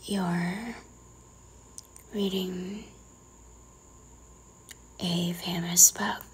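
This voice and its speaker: A woman in an ASMR role-play, playing a strict, teasing librarian who quietly scolds a careless visitor. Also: lowish voice, level tone, a little hiss or hum. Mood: hushed, probing. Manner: soft-spoken, slow and deliberate, like a librarian quietly scolding.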